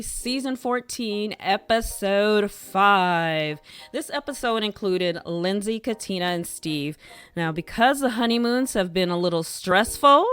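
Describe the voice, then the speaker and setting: A woman's voice: medium pitch, a bit bright, smooth. Chatty woman recapping reality TV gossip. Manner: chatty, wry, opinionated. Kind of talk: scripted gossip recap narration.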